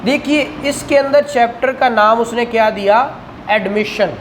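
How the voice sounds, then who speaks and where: In poor audio with slight background noise, a man with a Pakistani accent and an extremely high voice delivers an unhurried classroom law lecture for exam prep. He's didactic, often prompting listeners with questions and then repeating the answers.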